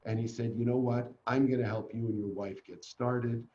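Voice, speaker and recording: An older man from Canada, a guest in an online interview, telling a family story in an earnest, animated way. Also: mid-range voice, moderate pace, echoey room, highs cut off.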